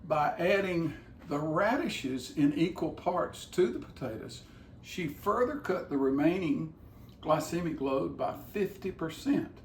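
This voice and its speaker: A man's voice: a little high, expressive, a little slow, distant mic. Older guy explaining carbs at home, kinda folksy, roomy echo, faint hum behind. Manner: folksy, enthusiastic, explains step by step. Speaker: cooking channel co-host. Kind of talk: casual chat, explaining nutrition. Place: home kitchen.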